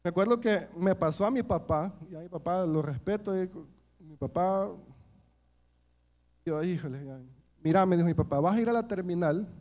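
A man's voice: high-pitched, a little mellow. A man, preaching a sermon and telling stories from his childhood in an earnest way, often calling his listeners brothers.

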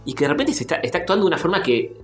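A man's voice: on the high side, racing, faint music behind. Rioplatense man telling a story, roomy sound. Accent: Rioplatense Spanish. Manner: animated anecdote-telling with acted quotes. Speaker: podcast co-host. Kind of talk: casual storytelling chat.

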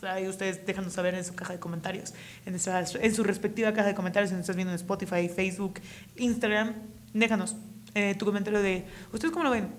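A young woman with a Mexican accent co-hosting a podcast, talking in a lively, slangy way and laughing often. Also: mid-range voice, fast. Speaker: podcast co-host. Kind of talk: casual chat.

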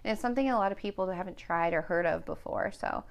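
A woman's voice: medium pitch, fast talker. A woman who teaches group exercise classes, chatting casually on a podcast and quoting what she tells her class. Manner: chatty, quotes herself telling people what to do.

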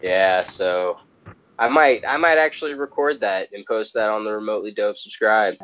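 A man's voice: fairly low pitch, normal speed, a bit bright. A man co-hosting a podcast in casual, conversational talk. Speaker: podcast co-host. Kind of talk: casual chat. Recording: dry, slightly muffled mic.

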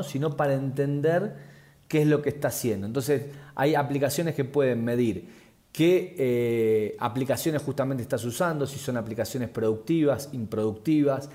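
A man speaking as an expert guest, explaining things in a measured way with frequent fillers and restarts. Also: medium pitch, a little mellow. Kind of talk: explanatory interview answers.

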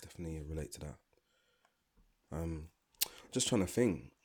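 A young London man chats casually and thoughtfully on a podcast, rambling with asides and frequently restarting sentences. His voice rumbles low with lively intonation at a moderate pace, a little mellow with a breathy edge.

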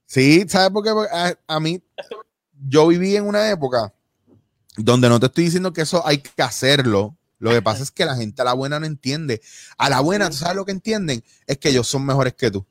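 A man's voice: on the high side, lively intonation, a little fast, dry recording, clean studio sound. A man with a Puerto Rican accent, a guest on a casual podcast, talking bluntly and with feeling and swearing freely. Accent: Puerto Rican Spanish.

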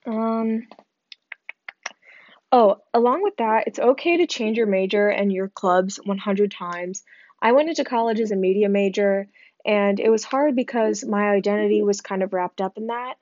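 A woman's voice: medium pitch, normal speed, a little mellow, dry recording. A young woman hosting a podcast who gives frank, chatty advice full of fillers and sounds tired. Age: young adult. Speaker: podcast host. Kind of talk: casual advice monologue. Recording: dry, slightly dull sound.

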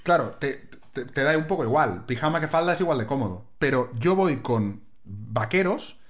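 A man co-hosting a podcast from home, telling stories in a casual, animated way and acting out other people's lines. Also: medium pitch, normal speed. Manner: animated storytelling with mimicry. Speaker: podcast co-host. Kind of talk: casual chat.

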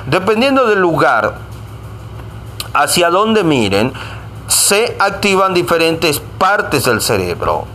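Man reading aloud, lively pitch. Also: slow, a little hiss or hum. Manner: stumbles over words and says sorry. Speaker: reader of a self-help text. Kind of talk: reading a self-help text aloud.

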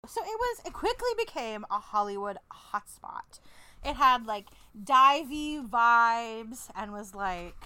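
A woman co-hosts a casual podcast. Her voice sits high and bright and leaps around in pitch. She keeps things playful and giggly. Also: sing-song, takes it slowly, clean tone. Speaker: podcast co-host. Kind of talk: casual chat.

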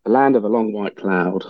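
On this phone-quality recording with no echo, a man with a lowish voice speaks at a moderate pace. He's an English chef with a touch of Australian twang, relaxed and chatty on a podcast, using lots of fillers and laughing easily.

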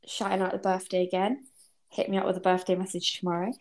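A woman's voice: medium pitch, flat delivery, fast talker. Frank young woman hosting a podcast. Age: 20s. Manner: frank, informal, swears. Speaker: podcast host. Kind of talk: casual chat.

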